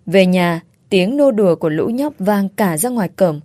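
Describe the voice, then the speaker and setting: A woman narrating a first-person family story in a steady, plain reading voice. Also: medium pitch, moderate pace, no echo.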